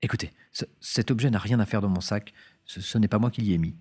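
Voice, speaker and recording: Man doing a young woman, indignant, stammering, voice lifted from a deep base, audiobook, faint music behind. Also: expressive, fast talker, slightly rough. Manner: indignant, stammering under pressure. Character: young woman, frightened accused researcher. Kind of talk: audiobook character voice.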